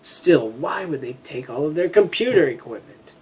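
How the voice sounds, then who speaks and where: A man's voice: fairly high pitch, animated, normal speed, darkish tone, slight background noise, rough recording. A man reading through a game as a let's player, with profane, self-mocking comic asides. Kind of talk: comedic game commentary.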